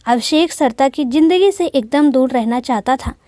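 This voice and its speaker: A woman's voice: sits high, normal speed, warm tone, no room sound. A woman narrating a moral love story in a plain storytelling manner.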